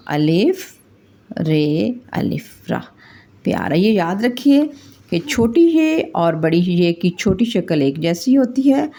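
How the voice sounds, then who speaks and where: A woman's voice: medium pitch, vocal fry, warm tone. A woman teaching young children, patiently asking questions and answering them step by step. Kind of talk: classroom lesson for young children.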